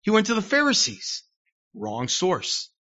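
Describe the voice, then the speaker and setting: A man's voice: sits high, unhurried. Pastor guy, middle-aged, sermon in a church, voice jumps all over, kinda dull lo-fi recording. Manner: animated, self-deprecating, acts out shouted quotes.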